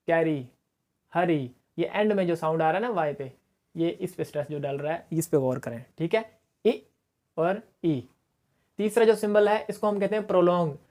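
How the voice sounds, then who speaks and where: A woman's voice: lowish voice, darkish tone. A woman teaching English phonetics, explaining a pronunciation chart patiently and often checking that students follow. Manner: mixes English words into Hindi.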